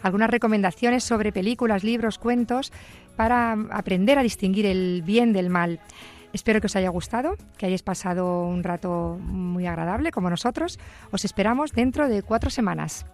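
Woman radio host, patient and teacherly, mid-pitched, faint music underneath. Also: darkish tone. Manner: patient, teacherly, reads clues slowly and clearly. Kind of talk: hosting a word quiz with children.

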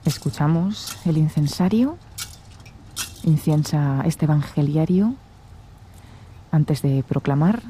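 A woman giving live liturgical commentary as a broadcast commentator, explaining each step in a measured, reverent way. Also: sits low, expressive, mellow, a little hiss or hum. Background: music.

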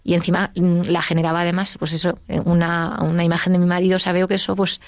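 A woman's voice: fairly low pitch, level tone, quick pace, dry recording. A middle-aged woman telling her personal story in an interview, acting out the voices she quotes. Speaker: interview guest.

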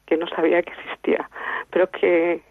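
A nervous woman, calling in over the phone to a radio show and telling her personal story in a halting, earnest way with many pauses. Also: fairly low pitch, completely flat delivery, gravelly, no echo. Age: 50s. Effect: heard over a phone line. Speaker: radio caller. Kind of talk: personal testimony on a call-in show. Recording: tinny dry phone line.

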